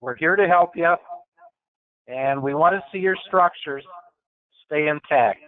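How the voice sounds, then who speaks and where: A man's voice: fairly high pitch, a little slow. A man presenting on wildlife control and answering questions in a plain, folksy, matter-of-fact way, his voice heavy with reverb. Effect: heavy reverb, echoey sound. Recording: reverberant, tinny phone-like audio.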